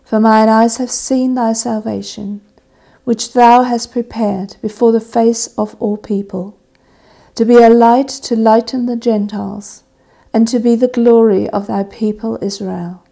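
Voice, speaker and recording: A woman with a mellow, slightly raised voice and a gravelly edge intones the liturgy of a church service. She leads the prayers and readings with a measured, solemn delivery. Her pace is very slow. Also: on the high side, fairly even intonation. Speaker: service officiant.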